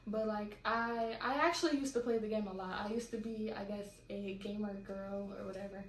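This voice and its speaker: A woman's voice: mid-range voice, fairly even intonation, fairly quick. Chatty young woman in an echoey room. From California, USA. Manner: chatty, rambling, slangy. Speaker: vlogger. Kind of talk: casual Q&A vlog. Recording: echoey room with faint background noise.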